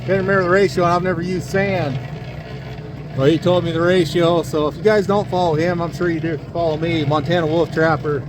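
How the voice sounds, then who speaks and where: Man host, slightly high voice, folksy how-to chat, noisy shed recording. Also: fairly even intonation, a little fast. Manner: casual, folksy, joking with a dog. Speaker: trapper showing his work. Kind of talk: casual how-to vlog. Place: workshop or shed with a cement mixer. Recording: noisy background.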